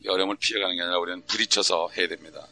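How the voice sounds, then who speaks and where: Fast, gravelly Korean pastor preaching. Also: male voice, low-pitched, fairly even intonation, bright, forceful tone, a little hiss or hum. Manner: fervent, rhetorical questions, acts out prayers. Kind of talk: sermon.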